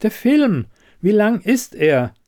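A man voicing an impatient, sharp-tongued woman investigator in a read-aloud story, with curt, pointed questions. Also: on the high side, expressive, normal speed, pitched above the performer's own voice. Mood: accusing.

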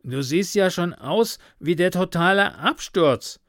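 A man voicing a brash young man who banters loudly with his friend. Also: a little high, very animated, a little slow, no room sound, clean studio sound, pitched above the performer's own voice. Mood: bantering.

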